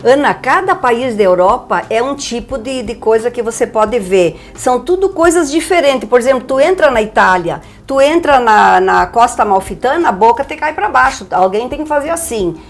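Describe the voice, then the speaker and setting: A woman's voice: a little high, normal speed, hardly any pauses. An older woman from Brazil, telling her story with energy as a guest on a TV interview. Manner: lively, animated storyteller.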